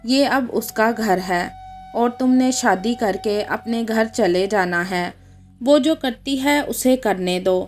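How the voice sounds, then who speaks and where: A woman reading as a gentle, patient mother. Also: on the high side, slow, soft background music. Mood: soothing. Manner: soothing and conciliatory.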